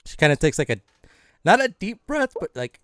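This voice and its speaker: A man's voice: high voice, very animated, a little fast, a bit bright, dry recording, clean studio sound. A man narrating as game master of a tabletop game, laughing often as he goes.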